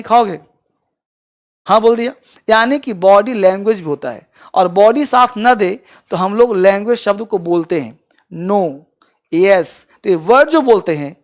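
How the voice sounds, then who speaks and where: A man's voice: high-pitched, expressive, moderate pace. Man teaching in Hindi. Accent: Bhojpuri-region Hindi. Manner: asks the class questions and answers them himself; mixes English terms into his teaching. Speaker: English teacher. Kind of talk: live online class.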